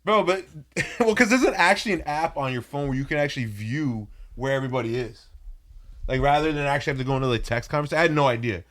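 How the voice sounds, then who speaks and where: A man's voice: medium pitch, quick pace, a bit bright. A young man co-hosting a podcast, chatting casually and laughing easily. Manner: laid-back, laughs often, easily amused. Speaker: podcast co-host. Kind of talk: casual chat.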